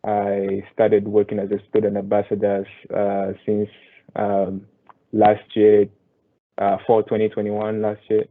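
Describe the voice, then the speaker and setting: A young man from Zambia, a student ambassador introducing himself on a panel in a halting way, with many fillers. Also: fairly low pitch, completely flat delivery. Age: young adult. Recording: tinny phone-like call audio.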